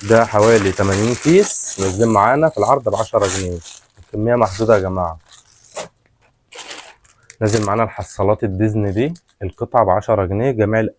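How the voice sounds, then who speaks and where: A man with an Egyptian Arabic accent giving a casual, repetitive sales pitch, presenting products in colloquial patter addressed to customers. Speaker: shop seller, product presenter. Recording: clearly noisy, rustling and clicking handling sounds.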